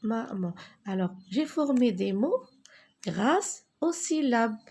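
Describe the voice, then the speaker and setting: A woman's voice: on the high side, expressive, slow pace, warm tone, breathy edge. A woman teaching a reading lesson, spelling out letters and syllables one by one and asking her pupils to repeat after her.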